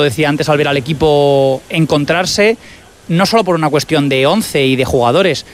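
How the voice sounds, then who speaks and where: A man with a Spain accent giving articulate, wordy football analysis on sports radio. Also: medium pitch.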